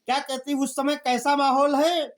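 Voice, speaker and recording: A male teacher giving a poetry lesson, reciting verse lines slowly and then explaining them in plain words, calling his listeners brother. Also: very high-pitched, flat delivery. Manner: addresses listeners familiarly as brother.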